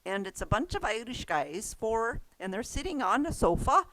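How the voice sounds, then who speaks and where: A woman teaching a relaxed music class, chatty and quick to laugh, often trailing off and restarting her sentences. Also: a little high, a little hiss or hum, poor audio. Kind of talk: casual class lesson.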